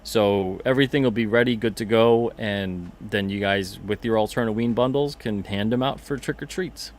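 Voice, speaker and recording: A man's voice: fairly low pitch, moderate pace. A man hosting a casual livestream, chatting loosely, repeating himself and reading out viewer comments. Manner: chatty, rambling, repeats himself, reads chat comments aloud. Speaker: podcast host and comic publisher.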